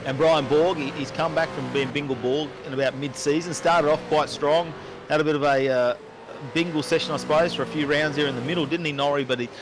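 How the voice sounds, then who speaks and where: A man hosting live sim racing commentary, chatty and quick to rattle off positions and times. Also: fairly high pitch, fairly even intonation, noisy background.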